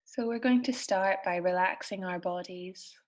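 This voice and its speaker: A woman guides a meditation in a medium-pitched voice, her manner soothing and gentle, with unhurried phrases separated by pauses.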